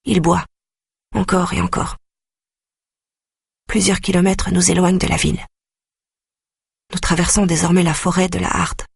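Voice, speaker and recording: A man reads a first-person audiobook in a grave, quietly intense manner. His voice is husky and breathy, and the recording is dry and close. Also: sits high, flat delivery, moderate pace, long pauses, no room sound. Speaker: audiobook narrator.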